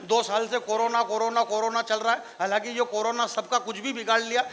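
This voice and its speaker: A comic poet from Marwar, Rajasthan, performs a live stand-up poetry recital, bantering jokily with the audience from the stage before rising into declaimed verse. His voice is extremely high and a bit bright, brisk, with little pitch movement.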